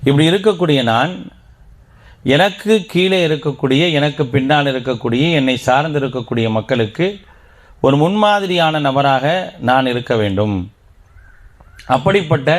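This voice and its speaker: Male preacher, Tamil Nadu accent, mid-range voice, instructional talk to members, keeps quizzing the crowd. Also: mid-range voice. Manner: interactive, quizzes the audience with questions. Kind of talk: Islamic teaching talk to members. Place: outdoor garden gathering.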